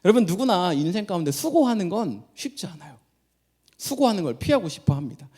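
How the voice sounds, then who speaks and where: A man's voice: high-pitched, sing-song, a little fast, mellow. A middle-aged man, a pastor, leading a prayer and then preaching a sermon, telling family stories and playfully acting out his children's voices. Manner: storytelling, playfully acts out children's voices, laughs often.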